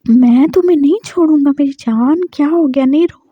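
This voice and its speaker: A teasing yet protective young man , voiced by a woman, speaks in a light, playful tone. His voice sits high, recorded close and dry with slightly dulled highs. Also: brisk, dry recording, lo-fi sound, natural voice. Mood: soothing. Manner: teasing, then gently soothing.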